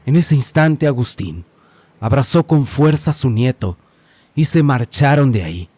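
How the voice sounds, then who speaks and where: Expressive man telling a horror tale. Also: mid-range voice, a little slow, no echo. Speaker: storyteller. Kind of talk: narrated horror story.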